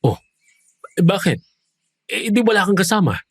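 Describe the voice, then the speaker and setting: A man voicing a husky, anxious husband. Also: sits high, very animated, normal speed, dry recording, full character voice. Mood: worried. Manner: anxious, pleading, shouts when upset. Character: worried husband, the maid's boss. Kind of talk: audio drama acting.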